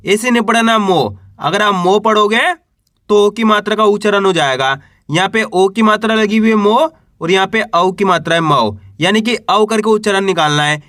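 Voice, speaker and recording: A man teaching how to read words, sounding out each syllable slowly and asking the listener to repeat after him. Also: high-pitched, bright, forceful tone, dry recording, clean studio sound. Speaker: Hindi reading teacher. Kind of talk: spoken lesson.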